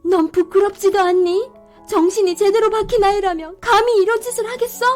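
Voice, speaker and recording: Lady putting on a squeaky upset storybook mom, way up high, loud and shrill, soft music behind. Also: level tone, moderate pace. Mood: scolding. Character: flustered mother, suddenly tiny, tearful and indignant. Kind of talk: storybook voice acting.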